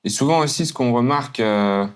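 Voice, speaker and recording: A man's voice: medium pitch, brisk, clean tone. A man from France, a mental coach hosting a podcast, who asks long, casual questions full of fillers.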